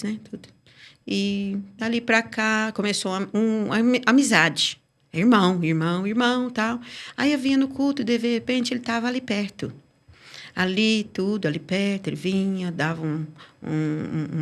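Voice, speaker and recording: A woman guest on a church podcast giving her personal religious testimony, telling her story with lively acted-out dialogue. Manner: sweeping, swinging pitch as she tells her story.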